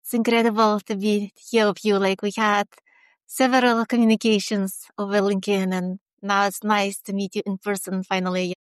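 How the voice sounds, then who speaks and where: A woman in her forties from Lithuania with a Lithuanian accent, a guest talking earnestly in a casual interview, in quick bursts with restarts. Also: mid-range voice, little pitch movement, smooth, no echo. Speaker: guest, HR consultant.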